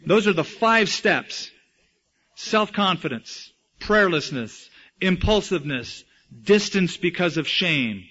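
Bright-voiced preacher, lo-fi recording. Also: male voice, a little high. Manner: dramatic, acting out quoted lines with big swings in loudness. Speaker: pastor. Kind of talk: sermon.

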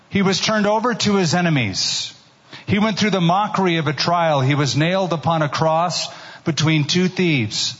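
A man's voice: a little high, a bit bright. Man preaching at a pulpit microphone. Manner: emphatic, slows down sharply on key phrases. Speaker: pastor. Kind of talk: sermon. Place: church sanctuary with seated congregation. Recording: dull, lo-fi sermon recording.

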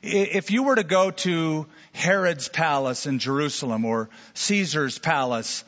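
A male pastor delivers a sermon in a storytelling way, slipping into imagined voices as he goes. His voice sits a little high and has a husky edge. The recording is dull and lo-fi, with a long reverberant tail from a large hall. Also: unhurried, a bit bright.

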